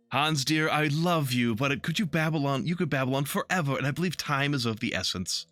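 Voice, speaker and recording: A flamboyant painted male elf, voiced by a man reading a game aloud, playful and mocking as he lectures, his pitch leaping around with lively bounce. The voice comes through bright and dry. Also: normal speed, no room sound, faint music behind, close to an everyday voice.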